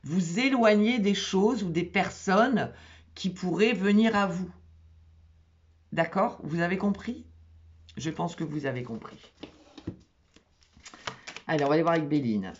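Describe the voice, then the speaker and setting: A woman's voice: fairly low pitch, animated, a little slow, long pauses. Woman doing a chill tarot reading, chatty, keeps checking in, dull lo-fi sound. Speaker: tarot card reader. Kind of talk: casual zodiac tarot reading.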